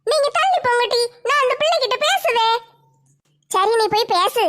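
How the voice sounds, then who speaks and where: A woman's voice: extremely high pitch, animated, normal speed, fairly bright tone. A woman voicing a bossy, brash woman officer.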